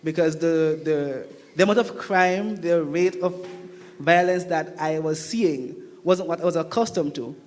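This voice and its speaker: A man's voice: fairly high pitch, measured pace, a little mellow. Young Kittitian man speaking in an echoing hall. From Saint Kitts. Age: young adult. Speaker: returning student speaking at a town hall meeting. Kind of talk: impromptu public speech, personal testimony. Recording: reverberant hall with long echo.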